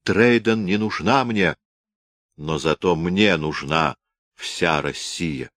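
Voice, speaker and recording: A man's voice: deep voice, slow pace, fairly bright tone, dry recording. A man voicing a scheming, domineering old field marshal who barks orders in a historical audiobook.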